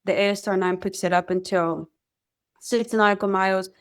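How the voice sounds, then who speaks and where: Speaking a little fast at a medium pitch, this woman from Mexico, a native Spanish speaker, recounts her story as a radar technician guest in a conversational interview. She tells it with lively energy, performing the quoted voices herself.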